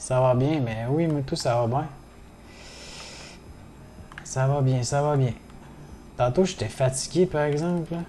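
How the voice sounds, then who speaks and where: A man's voice: medium pitch, measured pace, pauses often, mellow, a little hiss or hum. A man with a Québécois accent, chatting casually to viewers while streaming a game and swearing often. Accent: Québécois French. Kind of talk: casual gaming livestream chat.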